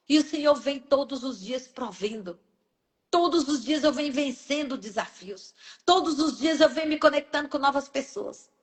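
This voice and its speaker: High-voiced emphatic woman preacher from Brazil. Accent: Brazilian Portuguese. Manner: emotional, emphatic, rising and falling sharply. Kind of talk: sermon with personal testimony.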